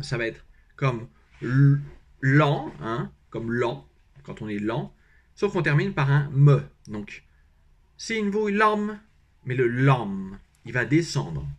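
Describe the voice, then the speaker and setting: Slow, patient, husky-voiced male teacher. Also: mid-range voice. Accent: French. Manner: slow, patient, repeats and models each word. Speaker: language teacher. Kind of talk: explaining pronunciation lesson.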